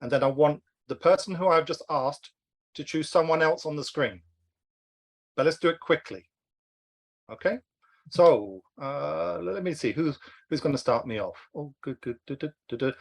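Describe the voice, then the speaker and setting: A man hosting an online workshop over a video call, leading a quick word game in a brisk, encouraging way and pushing players to answer fast. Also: a little high, gravelly. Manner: brisk, encouraging, urges speed.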